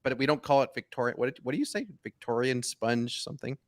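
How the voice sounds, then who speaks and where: A man's voice: mid-range voice, fast. A man hosting a casual podcast chat who laughs often and stammers through questions. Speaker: podcast host.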